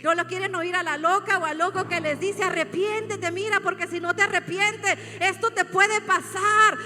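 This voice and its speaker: Woman pastor, very high voice, fervent preaching style, reverberant sanctuary. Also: steady tone, normal speed. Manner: fervent preaching, rising to shouts and calling out to the congregation. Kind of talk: sermon. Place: church sanctuary. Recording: long hall reverb with faint music.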